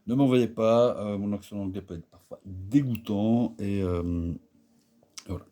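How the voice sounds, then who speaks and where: Man narrating his build, low dark voice, halting delivery, casual and self-deprecating. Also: soft background music. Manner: rambling, hesitant, many fillers, self-mocking. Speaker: Lego builder and video host.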